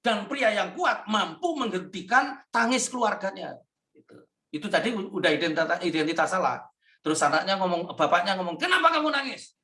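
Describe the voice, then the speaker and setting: A man's voice: high voice, moderate pace, pushed and bright. A male pastor preaching emphatically at a workshop for youth and parents, acting out quoted voices. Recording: echoey hall, far from mic.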